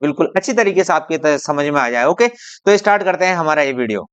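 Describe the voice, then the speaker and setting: A teacher explaining a lesson in a patient, repetitive way. The teacher poses questions to the viewer, answers them, and draws out example words slowly. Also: mid-range voice, expressive, clean tone, highs cut off. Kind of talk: classroom-style explainer video.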